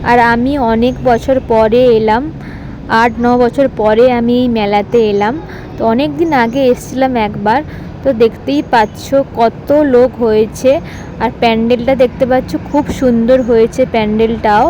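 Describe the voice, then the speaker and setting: A hoarse, soft-spoken woman with a slightly high voice talks casually through a vlog voice-over. She chats straight to her viewers in an easy way. A faint hum of noise sits behind her. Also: steady tone, moderate pace, poor audio. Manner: chatty, addresses viewers directly. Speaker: vlogger.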